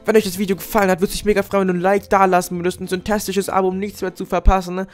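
A man with a fairly high voice plays up a game roleplay for his viewers, calling out to them again and again and moaning theatrically. Faint music plays under his commentary. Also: level tone, racing. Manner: theatrical, keeps calling out to his friends, groans in mock pain. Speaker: Minecraft roleplay YouTuber. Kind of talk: let's-play roleplay commentary.

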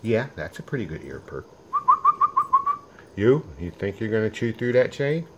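A man's voice: lowish voice, very animated, brisk, heavy background noise. A man filming puppies on his back porch, chatting to viewers and sweet-talking the dogs in a folksy, easygoing way. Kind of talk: casual home video, talking to puppies and viewers.

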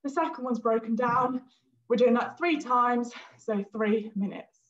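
A woman's voice: on the high side, a little slow. Breathless woman leading a workout. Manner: upbeat, encouraging cues. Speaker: fitness instructor. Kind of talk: workout instruction with countdowns. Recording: roomy, distant and a bit dull.

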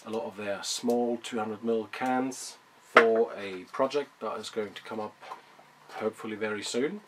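A man in his thirties talks straight to a close camera inside a small, cluttered workshop. His voice sits low, and his delivery is relaxed and a little hesitant. Heavy background noise runs under the whole recording. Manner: relaxed, a bit hesitant, with fillers. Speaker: woodworking channel host. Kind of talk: casual shop update to camera. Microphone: camera close at arm's length, mic clipped near the collar.

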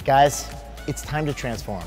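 A man in his forties, a fitness coach hosting a promo, talking in an upbeat, energetic, salesy way on a lapel mic in a bright studio. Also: medium pitch, unhurried, faint music behind. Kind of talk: scripted promo pitch. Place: large bright indoor studio.

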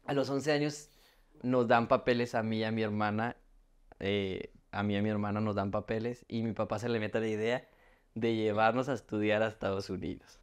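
A young man with a Mexican accent, heartfelt and halting as he tells his own life story on a podcast, often restarting his words. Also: lowish voice, fairly even intonation, clear, resonant tone. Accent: Mexican Spanish. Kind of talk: emotional personal storytelling.

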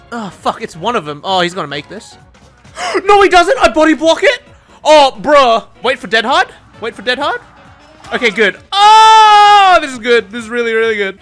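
A man with a high, animated voice commentates his gameplay in a casual, excitable way. His tone is bright and sharp, his pitch leaps around, and he swears and laughs freely. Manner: excitable, profane, laughs often. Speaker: gaming YouTuber.

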